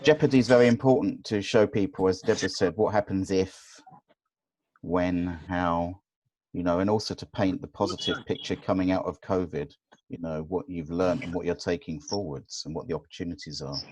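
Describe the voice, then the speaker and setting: Deep-voiced man hosting a video call. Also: fairly quick, poor audio. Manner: relaxed, asks questions, many fillers. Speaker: host. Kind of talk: casual video-call chat.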